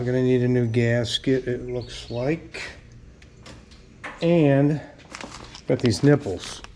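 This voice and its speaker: A man's voice: mid-range voice, noisy background. A man talking casually as a mechanic in his garage, muttering to himself in short bits of shop talk while he works. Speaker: mechanic restoring an old car in a home garage. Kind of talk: casual hands-on workshop vlog. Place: home garage.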